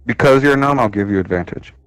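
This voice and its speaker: A man running a tabletop game as game master, narrating in a relaxed, unhurried way. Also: mid-range voice, clean tone, no echo, poor audio.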